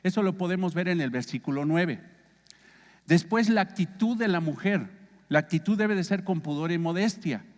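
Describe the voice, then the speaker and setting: Asking his congregation questions in a conversational Bible study, this Mexican-accented pastor speaks in a high-pitched voice with lively intonation at a moderate pace. The audio carries a long reverb tail.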